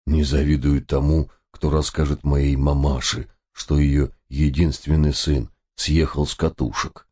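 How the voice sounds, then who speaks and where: Man doing a scared, slow-witted guy, hoarse and plaintive, speaking slowly and a touch low in a deep voice. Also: flat delivery, mellow, exaggerated voice. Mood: whiny. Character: jittery dim-witted man, fearful and whiny.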